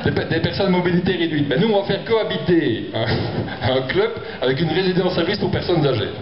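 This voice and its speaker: A man's voice: a little high, animated, fairly quick, a crowd in the background. A man speaking as a developer at a public meeting, explaining himself with many stammered repetitions. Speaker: property developer presenting a project. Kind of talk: spontaneous argument at a public meeting. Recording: echoey, muffled hall with audience noise.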